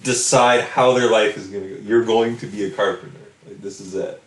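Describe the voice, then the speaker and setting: A man's voice: on the low side, fairly even intonation, a little fast, roomy sound, poor audio. A man co-hosting a podcast in casual chat, hesitant and full of filler words. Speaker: podcast co-host.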